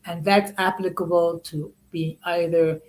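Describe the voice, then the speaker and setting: A man's voice: on the high side, little pitch movement, a little slow, slight background noise, rough recording. A man in his sixties from the United States, hosting a casual live-stream talk in a conversational way and often checking in with "okay?". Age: 60s. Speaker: host.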